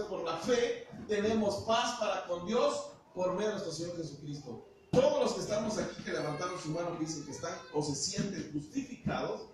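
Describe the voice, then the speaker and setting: A middle-aged Mexican man preaching a sermon as pastor, talking to the congregation like a conversation and asking them questions. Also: high-pitched. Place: church hall. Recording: echoey hall, from far off, noisy.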